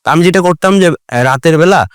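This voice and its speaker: Animated male podcast host telling a story. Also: on the high side, fairly quick, clear, resonant tone, no echo, studio quality. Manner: animated storyteller, mixes English into Bengali. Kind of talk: casual storytelling chat.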